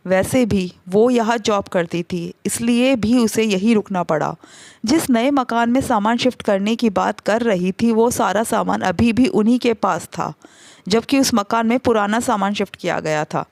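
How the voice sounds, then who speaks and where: A woman narrating a scripted family story in a steady, measured way. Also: medium pitch, no echo.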